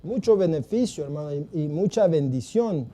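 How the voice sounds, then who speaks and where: A man co-hosting a church TV program, speaking haltingly in a devotional talk, often affirming with amen. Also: fairly high pitch, lively intonation, background noise. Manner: affirming, halting, with frequent amens. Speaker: church TV co-host.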